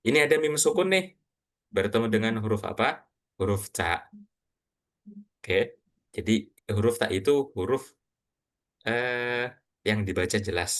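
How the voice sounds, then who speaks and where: Patient low-voiced Quran reading teacher. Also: male voice, animated, a bit bright. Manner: patient, asks students questions, models recitation slowly. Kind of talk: online class teaching.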